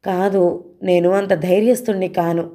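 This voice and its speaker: A woman's voice: lowish voice, fairly even intonation, normal speed, mellow, natural voice. A woman voicing a flirtatious, self-pitying middle-aged married man who sighs about his life.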